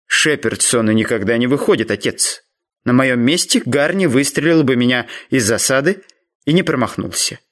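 A man's voice: medium pitch, lively intonation, moderate pace, fairly bright tone, close to an everyday voice. Brash teenage boy, blunt and matter-of-fact, storybook feud tale, voiced by a male narrator.

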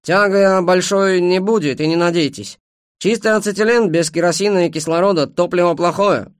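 A grumbling, hot-tempered engineer-turned-trader, quick to flare up, as an audiobook reader plays him. The voice is a little high, close and dry. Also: male voice, clear, resonant tone, dry recording, natural voice. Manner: indignant, grumbling.

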